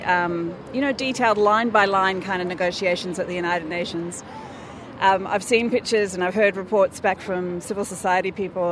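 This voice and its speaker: An Australian woman with a lowish voice, organiser of an anti-nuclear campaign, speaks off the cuff with effusive enthusiasm. She's being interviewed outdoors on a city street, and crowd noise fills the recording.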